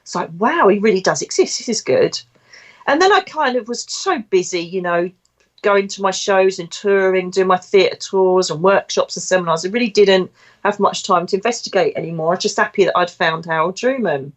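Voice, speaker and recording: A woman's voice: medium pitch, normal speed. A British woman, a psychic medium, hosting her podcast and telling stories in a chatty, rambling way. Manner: chatty, rambling, lively retelling. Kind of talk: casual storytelling podcast.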